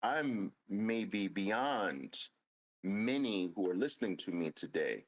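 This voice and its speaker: Man in his fifties, lowish voice, earnest, emphatic storyteller, hosts his own show. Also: lively intonation, slow pace, low-quality recording. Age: 50s. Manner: earnest, emphatic, repeats phrases for stress. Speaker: host. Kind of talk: personal storytelling monologue.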